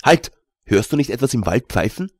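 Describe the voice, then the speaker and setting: A man's voice: medium pitch, sing-song, moderate pace, dry recording, studio quality. A man reading an audiobook, voicing an anxious teenage goldsmith apprentice who turns fiercely indignant. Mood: fearful. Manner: fearful, then fiercely indignant.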